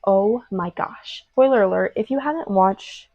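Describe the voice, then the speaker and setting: A woman's voice: medium pitch, normal speed, a little mellow, no echo, dull audio. Give me a young woman making casual conversation in her kitchen, with an easy, talkative flow. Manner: chatty, many fillers and restarts. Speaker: vlogger. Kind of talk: casual baking chat. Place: home kitchen. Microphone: small clip-on mic.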